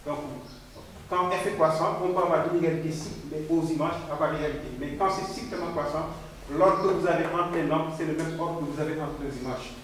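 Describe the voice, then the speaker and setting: A man's voice: a little high, fairly even intonation, brisk, slight background noise. A man teaching a math lesson at the board, repeating words as he writes and restarting often. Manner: repeats words while writing, frequent restarts. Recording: very echoey classroom, mic far off.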